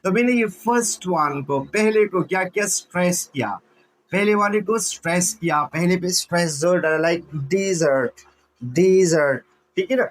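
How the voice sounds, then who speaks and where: Slow, patient male teacher. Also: sits high, a bit bright, poor audio. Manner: repeats words, asks and answers his own questions, calls students "beta". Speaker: English teacher. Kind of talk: classroom-style lesson explanation.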